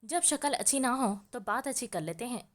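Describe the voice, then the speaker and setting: A woman's voice: on the high side, animated, normal speed, pitched above the performer's own voice, natural voice. Woman reading as a rude hot-tempered man. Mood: angry. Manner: angry, curt.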